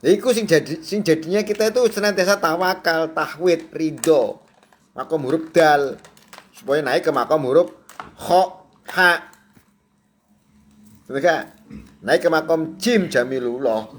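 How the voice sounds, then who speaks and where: A man preaching a sermon, chatty and quick to laugh, often checking in with his audience and acting out the cries and prayers of a newborn. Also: fairly high pitch. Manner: acts out a newborn's crying and prayers. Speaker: Sufi preacher.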